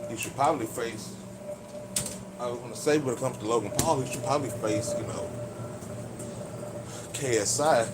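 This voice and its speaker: Man giving casual fight commentary over background noise. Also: fairly low pitch. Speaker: sports vlogger and host. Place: at his workplace. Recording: clear background ambient noise.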